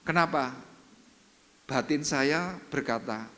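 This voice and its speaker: A male pastor preaching a sermon, telling a personal testimony, dropping to hushed tones and rising to emphatic peaks. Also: medium pitch, takes it slowly. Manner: animated storytelling testimony, swings between hushed and emphatic. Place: church. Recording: reverberant church hall.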